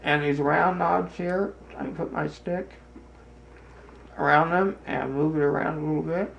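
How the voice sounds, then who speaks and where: A man giving a casual hands-on demonstration in a deliberate, halting way, with broken phrasing. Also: on the high side, steady tone, highs cut off. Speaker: host demonstrating a hobby. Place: home basement, indoors. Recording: clear background noise, room ambience.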